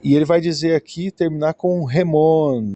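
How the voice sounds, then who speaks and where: A man's voice: a little high, moderate pace, dark tone, dry recording. A Brazilian man giving a patient, explanatory lesson, often checking in with his listeners. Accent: Brazilian Portuguese. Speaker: Greek teacher.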